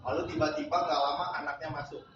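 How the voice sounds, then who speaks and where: A man preaching a sermon as a pastor, telling a story with animated acted-out voices. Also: fairly high pitch, fast, over music. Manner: animated storytelling, acting out characters in raised voices. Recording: distant, echoey hall, muffled, noisy.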